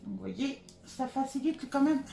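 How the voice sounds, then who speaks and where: Chatty woman with a higher voice. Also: lively intonation, normal speed, gravelly, dark tone, slight background noise. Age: adult. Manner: chatty, many hesitations. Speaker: haul vlogger. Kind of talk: casual product haul chat. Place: home.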